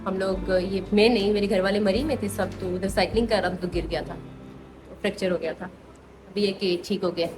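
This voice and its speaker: A woman's voice: medium pitch, steady tone, moderate pace, poor audio. Young Pakistani woman, home vlogger: chatty, affectionate, baby-talks with kids. Faint music under the voice. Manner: chatty, coos affectionately at small children. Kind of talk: casual home vlog chat. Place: family home indoors.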